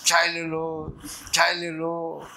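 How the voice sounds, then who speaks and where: Play a pushy street tea seller, as a storyteller puts him on, loud and nagging, with a gravelly edge. Push the pitch up, keep it grumbling and indignant. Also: male voice, monotone, drawn-out words, slight background noise, heavily acted, rough recording. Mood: hawking. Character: pushy male tea seller hawking loudly.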